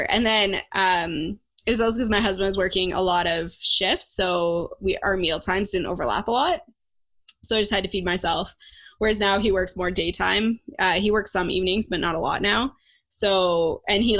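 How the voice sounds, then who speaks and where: A woman's voice: lowish voice, fairly bright tone. A woman chatting casually as the host of a podcast. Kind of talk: casual chat.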